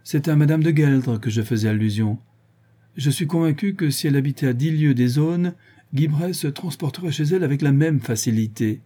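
A stout society man teases and needles in a dark, husky voice, as the reader plays him. He talks constantly and enjoys his own wit. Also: fairly high pitch, fairly quick, pitched above the performer's own voice. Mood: mocking. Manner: teasing, talkative.

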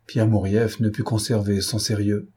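A man's voice: lowish voice, level tone, normal speed, warm tone, breathy edge. A man reading a classic novel aloud as scripted narration, lifting his voice for the quoted officers. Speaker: audiobook reader.

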